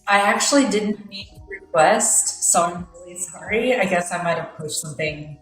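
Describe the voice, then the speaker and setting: A woman's voice: mid-range voice, moderate pace, fairly bright tone. A woman calling in to a live stream, talking in a hesitant, apologetic way, her voice carrying a heavy echo. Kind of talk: casual call-in chat. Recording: echoey call audio with faint music.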